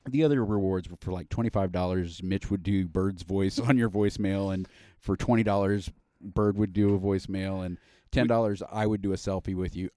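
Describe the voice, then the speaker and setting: A deep, mellow man hosting a casual podcast chat. He rambles along with plenty of fillers and restarts. The sound is dry and close. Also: steady tone, brisk, few pauses, no echo. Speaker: podcast host.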